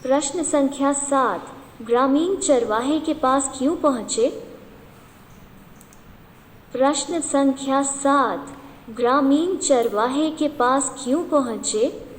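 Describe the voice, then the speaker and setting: A high-voiced Indian woman teacher reads questions aloud at a slow, deliberate dictation pace, saying each one more than once. Her voice rings with a long, echoey reverb, as if recorded in a large hard-walled room. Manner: slow, repeats each question several times.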